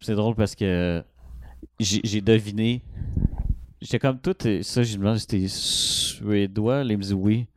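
A man's voice: on the low side, measured pace, slight background noise. A young man with a Québécois French accent, co-hosting a podcast in casual chat and telling crude, joking stories. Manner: loose, joking, crude humor. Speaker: podcast co-host.

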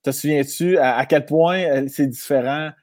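A man's voice: a little high, steady tone, normal speed, a little mellow. A man with a Québécois French accent hosting a casual interview, asking hesitant questions full of fillers. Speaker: interviewer, host.

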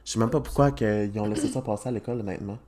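With a lowish, dark-toned voice, this twenty-something podcast host talks rapid-fire in a Québécois French accent. He jokes his way through self-deprecating stories in casual conversation, laughing frequently.

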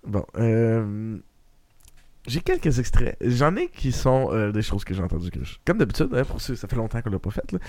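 Lively Québécois man hosting a podcast. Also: lowish voice, moderate pace, dry recording. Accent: Québécois French. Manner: lively, chatty, restarts a lot. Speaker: podcast host. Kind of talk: casual movie podcast chat.

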